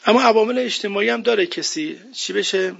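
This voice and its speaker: A man's voice: sits high, gravelly, fairly bright tone, breathy edge. A man giving a religious sermon in an emphatic, conversational way, often asking rhetorical questions. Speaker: preacher. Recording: dull lo-fi recording.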